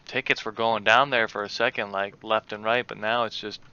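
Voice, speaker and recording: A man's voice: on the low side, normal speed, highs cut off. Man narrating gameplay over game noise. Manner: play-by-play, bursts of excitement. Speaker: gaming channel host. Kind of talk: live gameplay commentary. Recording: game battle noise behind voice.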